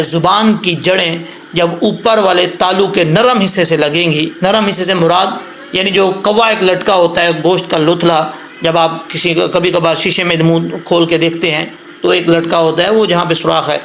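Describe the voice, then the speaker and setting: Man, high voice, recitation teacher, patient explaining, slow drawn-out recitation, echoey room. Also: gravelly, fairly bright tone, slight background noise. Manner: patient explaining with frequent check-ins. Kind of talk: step-by-step recitation lesson.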